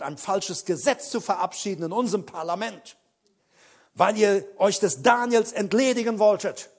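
Delivering a sermon with drama, this pastor has an extremely high-pitched, slightly mellow voice. He talks straight to his audience and leans on fillers whenever he's recalling details.

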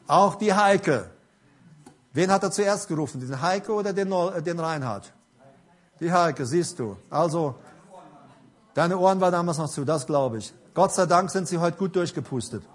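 Male pastor from Paraguay, high-pitched, emphatic sermon delivery. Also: moderate pace. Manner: rises to loud emphatic preaching, asks the congregation questions.

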